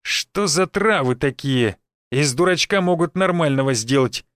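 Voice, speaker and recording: Gruff older village elder who barks his questions slowly and heavily, as a male narrator puts him on. The voice sits a little higher than the narrator's own and is recorded dry and close. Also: expressive, fairly bright tone, no echo. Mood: angry. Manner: barking, slow, demanding.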